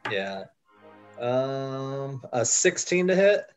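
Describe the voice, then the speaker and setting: A man playing in a tabletop game, talking in a halting, stammering way. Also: mid-range voice, big pitch swings, soft background music, poor audio. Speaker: player. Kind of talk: casual tabletop game play.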